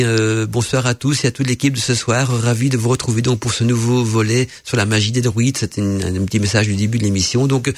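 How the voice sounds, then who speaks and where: Radio host, male, Belgian French accent, casual live chat, dry close sound, halting delivery with lots of fillers. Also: mid-range voice, no room sound. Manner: hesitant, many fillers and repeated words.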